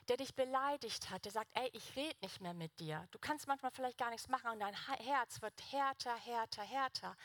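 A woman's voice: a little high, a bit bright, dry recording. A young woman preaching a sermon in an earnest, conversational way, putting direct questions to the congregation.

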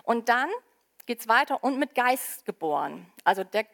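A woman preaching a sermon to her congregation in a lively, conversational way, with casual asides. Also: a little high, measured pace, gravelly.

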